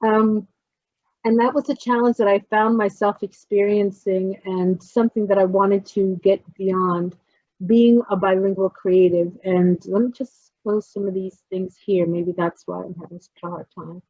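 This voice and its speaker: A New Jersey woman, a poet leading a workshop, talks casually on a video call through her computer mic, her medium-pitched voice unhurried and free of echo. She's relaxed and chatty, often trailing off as she fumbles with screen sharing. The audio is dull and lo-fi, like a muffled call.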